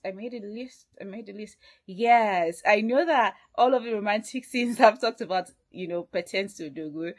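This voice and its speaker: A young woman hosting a casual video review of a romance film, chatty, with many fillers and frequent laughs. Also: lowish voice. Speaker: movie reviewer.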